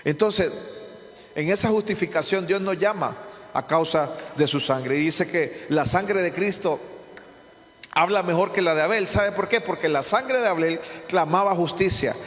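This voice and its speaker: A man's voice: high voice, a little slow, fairly bright tone. A man preaching a sermon as pastor, asking rhetorical questions, repeating himself and often restarting his sentences. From Honduras. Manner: frequent restarts and stumbles. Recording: long reverb of a hall.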